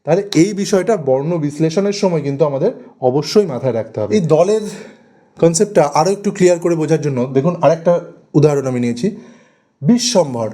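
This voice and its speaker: Mellow-voiced man teaching grammar slowly. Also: on the high side, lively intonation. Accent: West Bengal Bengali. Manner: slow, deliberate, repeats and stretches example words. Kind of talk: exam-prep grammar lesson.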